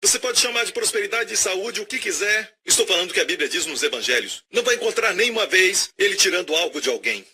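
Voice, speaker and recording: A man preaching a sermon, animated and questioning his audience. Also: high voice, fast, hardly any pauses, breathy edge.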